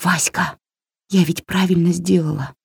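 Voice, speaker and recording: A woman's voice: mid-range voice, lively intonation, a little slow, a little mellow, slightly rough, no echo, clean studio sound, pitched above the performer's own voice. A woman voicing a frightened but stubborn young girl in a storybook reading, with a pleading, anxious manner.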